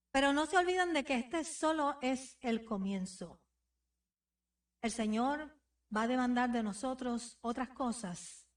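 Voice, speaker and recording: A woman pastor with a high voice preaches to her congregation, exhorting them directly and repeating her phrases. She sounds a little distant from the microphone, as if picked up across a church. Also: a bit bright. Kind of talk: sermon. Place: church sanctuary. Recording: voice somewhat distant from the mic.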